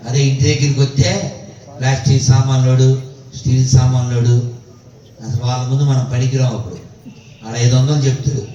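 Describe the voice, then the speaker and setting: A man speaking to a boy before an audience, asking quick teasing questions in a playful stage manner. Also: medium pitch, little pitch movement, warm tone. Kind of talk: lively stage talk with rhetorical questions. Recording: echoey hall, distant mic, dull sound.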